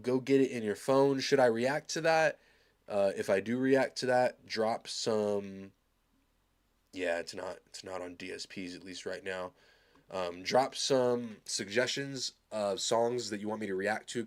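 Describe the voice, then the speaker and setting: A man from Arizona giving loose, rambling, upbeat commentary as he reacts to a new song. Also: fairly low pitch. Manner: loose, rambling, filler-heavy, enthusiastic. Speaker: music reaction host. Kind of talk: casual live reaction commentary.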